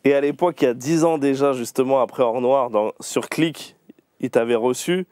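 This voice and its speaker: A man's voice: mid-range voice, normal speed, warm tone, no echo, studio quality. A man hosting a casual livestream interview, firing off playful either-or questions and laughing often. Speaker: host.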